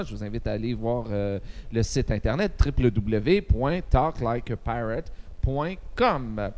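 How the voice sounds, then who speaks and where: A man's voice: mid-range voice, darkish tone. A man co-hosting a radio show, chatting casually with frequent hesitations and laughs. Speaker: radio co-host.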